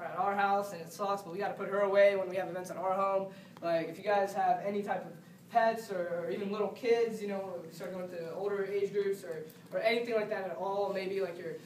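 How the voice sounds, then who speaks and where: A man's voice: high-pitched, a little hiss or hum. A young man giving a casual, pushy sales training to a team, repeating words and saying "like" often. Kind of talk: motivational training talk. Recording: echoey room, voice from a distance.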